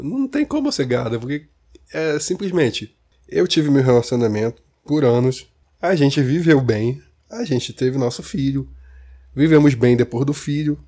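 This male vlogger, speaking with a Brazilian Portuguese accent, vents in a casual monologue full of rhetorical questions, slang, and swearing. His voice is mid-range with a darkish tone.

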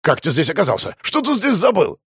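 A man voicing a cowardly thieving male graveyard keeper, crying out in panicked, stammering shouts. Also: on the high side, huge pitch swings, brisk, husky, no echo, clean studio sound, voice pushed up, heavily acted. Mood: terrified.

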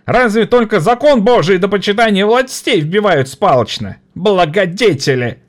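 A man voicing a scornful young male worker shouting from a crowd in an audiobook. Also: high-pitched, lively intonation, moderate pace, voice pushed up. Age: young adult.

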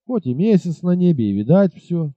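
A man reading aloud, voicing a burly village innkeeper who gives advice in a folksy, unhurried way. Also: on the high side, big pitch swings, no room sound, pitched above the performer's own voice. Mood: unruffled. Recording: dull lo-fi recording.

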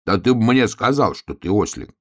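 A man voicing a small, wary male bear cub in a fairy tale, with a low, curt, grumbling way of talking. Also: animated, normal speed. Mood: gruff.

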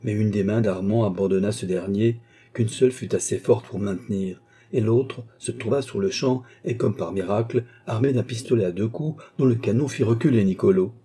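Man narrating an old novel, low husky voice, dark tone. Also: moderate pace. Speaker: audiobook narrator. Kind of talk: reading a classic novel aloud.

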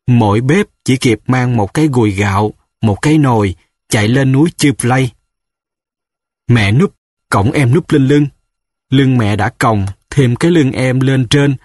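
Man reading a story, steady rhythm, medium pitch, totally dry sound. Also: husky, no echo. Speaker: narrator. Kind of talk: storybook narration.

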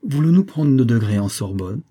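A man's voice: mid-range voice, very animated, moderate pace, dark tone, slightly rough. A man reading the part of a carefree young officer with a playful, teasing manner in an audiobook. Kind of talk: audiobook character voice.

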